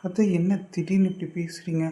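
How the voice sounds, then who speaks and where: A woman's voice: on the low side, little pitch movement, fairly quick, mellow, reverberant, voice pushed down, natural voice. A woman voicing a bewildered young man in a cartoon drama, pleading that he does not understand. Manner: pleading, protesting innocence.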